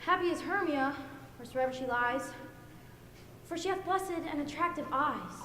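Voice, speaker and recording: A woman's voice: high-pitched, normal speed, a bit bright, a little hiss or hum. A teenage girl playing a scorned, lovesick young woman in a school stage play, pleading in earnest, heard from a distant mic in an echoey hall. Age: teens. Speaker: student actor. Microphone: distant room mic.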